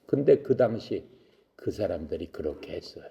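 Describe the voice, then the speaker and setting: A man's voice: sits low, expressive, normal speed, creaky, mellow, highs cut off. A man telling a Bible story to young people, asking questions and answering them himself. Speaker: Bible teacher for youth.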